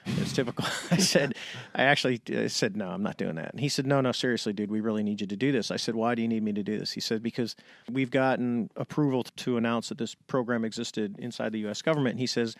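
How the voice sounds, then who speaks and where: Speaking fast with few pauses, this retired navy fighter pilot, a middle-aged man from the US, spins a long, animated story on an interview show, voicing the people he quotes. His voice is mid-range, and the recording is dry and clean, studio quality.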